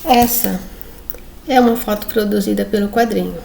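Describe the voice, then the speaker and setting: Reading comic excerpts aloud in a relaxed presentation, this book reviewer chats with her audience, talks straight to them, and keeps checking in with tag questions. She has a warm, mid-range voice with vocal fry, at normal speed. A little hiss or hum sits under the recording.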